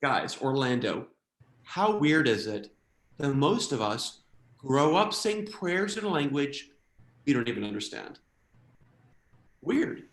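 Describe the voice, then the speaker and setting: An American man performing a stand-up comedy routine, animated, slipping quickly into quoted voices. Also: medium pitch, echoey room. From United States.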